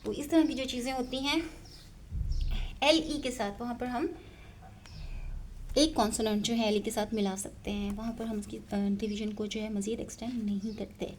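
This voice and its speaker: A woman English teacher explaining syllable rules, pausing often and spelling words out letter by letter. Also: fairly high pitch, steady tone, a little hiss or hum. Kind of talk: explaining a lesson in Hindi-Urdu mixed with English.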